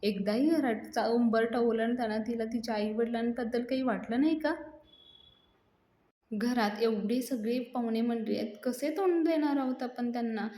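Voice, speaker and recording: A woman's voice: fairly high pitch, normal speed, mellow, echoey room, natural voice. Woman voicing a panicking worried mother. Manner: pleading, fretful questions. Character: anxious middle-aged mother, panicking.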